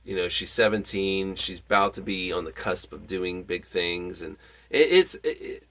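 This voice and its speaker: A man with a fairly low voice talks through a movie review in an off-the-cuff way. He rambles, restarts his sentences and fills pauses with ums. His enthusiasm comes through in lively jumps in pitch. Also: creaky. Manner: rambling, many fillers and restarts. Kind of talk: casual spoken review.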